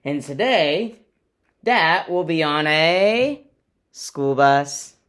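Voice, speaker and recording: A man's voice: a little high, expressive, very slow, a bit bright. Friendly man reading a picture book. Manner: friendly, explains to kids, playful sound effects. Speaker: teacher reading aloud. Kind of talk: children's read-aloud.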